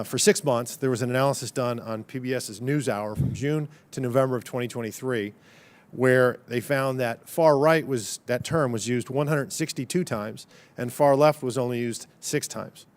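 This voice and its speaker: In a hearing room, a congressman questions a witness pointedly and combatively, piling up figures one after another. His voice is mid-range and moderately paced.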